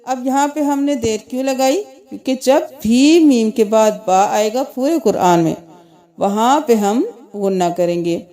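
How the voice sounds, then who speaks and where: Woman tajweed teacher, high mellow voice, spells out letters and vowels before slow melodic recitation.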